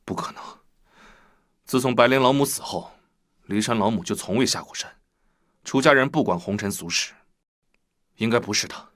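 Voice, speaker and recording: A man's voice: lowish voice, normal speed, long pauses, fairly bright tone, lightly acted. An actor playing a scheming, ambitious man who snaps in anger and then mutters in cold whispers. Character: scheming ambitious male schemer, middle-aged.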